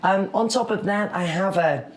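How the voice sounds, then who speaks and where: A man's voice: high-pitched, normal speed. Upbeat, cheerful man working as cruise director. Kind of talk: upbeat interview chat.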